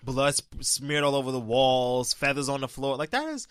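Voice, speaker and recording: A man co-hosting a podcast in casual chat, animated and swearing freely, with a slightly sick voice. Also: moderate pace, clear, resonant tone, dry recording, clean studio sound. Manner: animated, swears freely, jumps high in pitch when riled. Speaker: podcast co-host. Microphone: studio mic.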